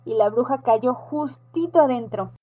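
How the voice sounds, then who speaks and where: A woman with a Rioplatense Spanish accent reading a children's story aloud, acting out the characters with lively voices. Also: a little high, a little slow, slightly rough. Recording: dull lo-fi sound.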